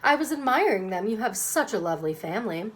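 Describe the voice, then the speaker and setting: A woman's voice: mid-range voice, very animated, fast, fairly bright tone, breathy edge. A woman voicing a sly man who feigns bashful, friendly innocence in an ingratiating way, from a children's book. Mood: falsely friendly.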